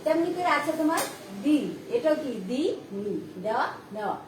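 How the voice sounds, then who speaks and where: Female teacher, high voice, repetitive questioning style, distant mic in an echoey room. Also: expressive, normal speed, slight background noise. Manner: repeats and asks rhetorical questions. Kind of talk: online grammar lesson.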